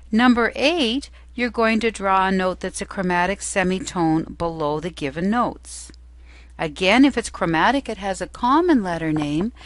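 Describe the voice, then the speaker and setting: Slow, patient woman teacher. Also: medium pitch, no room sound. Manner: patient, careful step-by-step explaining. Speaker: music theory teacher. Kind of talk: instructional lesson narration.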